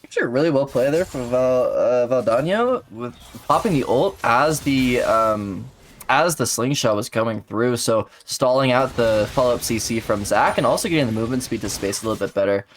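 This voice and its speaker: A man's voice: mid-range voice, lively intonation, moderate pace, slight background noise. A man giving casual esports color commentary, chatty and loose, full of fillers and gamer slang.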